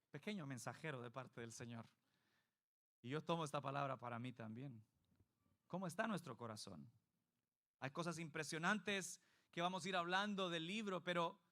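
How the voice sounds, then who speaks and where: A man's voice: fairly high pitch, pushed and bright. A man preaching a sermon as pastor, emphatic and putting direct questions to the congregation. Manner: emphatic, varied delivery.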